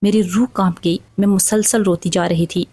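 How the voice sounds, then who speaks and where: A woman's voice: mid-range voice, steady tone, warm tone, no room sound. A woman telling an emotional first-person story in a dramatic, sorrowful way. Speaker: narrator.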